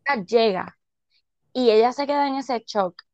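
Una mujer con acento puertorriqueño que comenta una serie en charla casual, emotiva y excitable, mezclando frases en inglés. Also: female voice, a little high, normal speed, no echo, dull audio. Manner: emotional, excitable, mixes English phrases. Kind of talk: casual chat.

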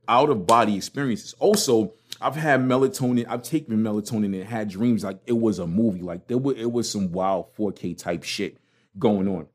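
A man with a Brooklyn accent hosting a casual solo podcast in a slangy, emphatic, conversational way. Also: fairly low pitch. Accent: Brooklyn, New York. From Brooklyn, New York. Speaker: podcast host.

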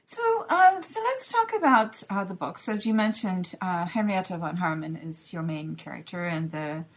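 A woman's voice: on the low side, lively intonation, moderate pace. A woman host asking an author questions in an engaged, prompting way. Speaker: interview host. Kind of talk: interview questions.

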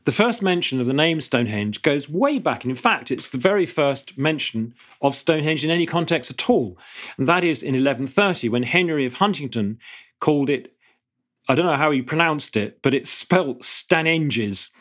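A man's voice: on the high side, lively intonation, a bit bright. Thoughtful man explaining archaeology. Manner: thoughtful, halting restarts then fluent explanation. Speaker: archaeologist guest. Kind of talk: explanatory interview answers.

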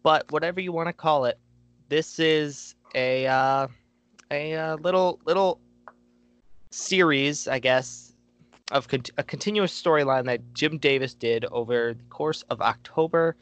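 A man's voice: a little high, measured pace, a bit bright, no room sound. A man hosting a podcast, chatting casually in a jokey, rambling way and laughing easily. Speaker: podcast host. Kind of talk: casual chat.

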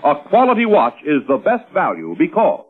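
A man working as a radio announcer, booming out prizes in an emphatic, polished 1950s advertising style. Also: wildly swooping pitch, moderate pace, husky. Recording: dull vintage radio recording with music.

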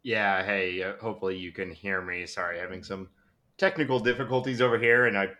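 A man with a deep, bright-edged voice comes through a low-quality stream from a backup computer microphone. He talks in a halting way, restarting his sentences often and slowing down as he thinks. He is a co-host chatting casually over a call. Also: steady tone. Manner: halting, with frequent restarts and slow stretches. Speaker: podcast co-host.

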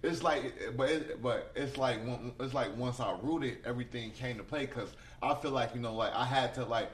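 A man's voice: medium pitch, moderate pace, a little hiss or hum. A man in his twenties, a rapper guest, talking casually in slang with lots of repeats and fillers. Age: 20s. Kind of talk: casual interview chat.

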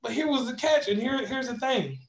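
A man with a West Virginian accent co-hosting a casual podcast chat, telling animated stories and repeating words for emphasis. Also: very high-pitched, a little fast, vocal fry, roomy sound. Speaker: podcast co-host.

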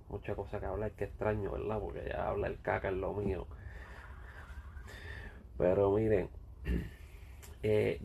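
A man's voice: mid-range voice, creaky, dark tone, a little hiss or hum. A man with a Puerto Rican accent ranting bluntly in casual talk, swearing a lot and repeating himself. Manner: blunt, profane, repetitive ranting. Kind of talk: casual rant.

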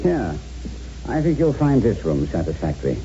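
An actor playing a genial, eccentric castle owner with a theatrical, musing manner in a radio drama. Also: male voice, on the low side, big pitch swings, normal speed, dark tone, faint music behind. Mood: courtly, musing. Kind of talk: 1970s radio drama acting. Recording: dull lo-fi radio recording, faint noise.

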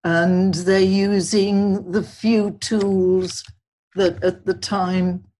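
An older woman speaks as a podcast guest. She answers at a slow, measured pace, with a slightly husky tone, and she sounds reflective. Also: medium pitch, flat delivery, a little mellow. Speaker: guest, culinary historian. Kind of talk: podcast interview.

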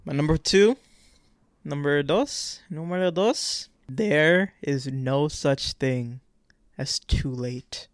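A man's voice: fairly high pitch, takes it slowly, dry recording, studio quality. A man in his twenties co-hosting a podcast, chatting casually and repeating words as he rambles. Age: 20s. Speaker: podcast co-host. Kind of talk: casual chat.

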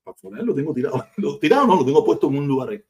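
A man's voice: on the high side, big pitch swings, racing, creaky, darkish tone. A man from Cuba with a Cuban accent, ranting bluntly and profanely on a casual live stream.

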